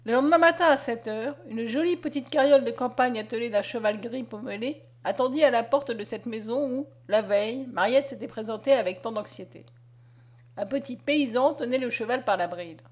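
A woman reads a classic story aloud, steady and measured. Her voice sits a little higher than most women's, and her pace is even. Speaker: audiobook reader. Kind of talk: storytelling narration.

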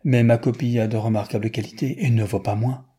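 A man's voice: medium pitch, steady tone, fairly quick, dark tone, husky. A man reading aloud, voicing a sly, coquettish young woman copyist who bargains teasingly.

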